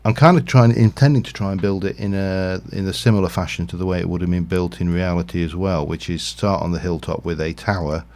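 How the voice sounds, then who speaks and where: A man's voice: low-pitched, a little fast, hardly any pauses, a little mellow. A man casually commentating his Minecraft livestream, rambling and thinking aloud with lots of fillers. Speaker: streamer.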